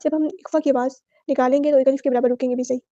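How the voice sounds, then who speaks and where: A woman with a Pakistani Urdu accent teaching Quran recitation rules word by word, chanting each word slowly, then explaining it briskly. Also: high-pitched, fairly even intonation, mellow, no echo, muffled recording. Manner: slow drawn-out recitation alternating with brisk explanation.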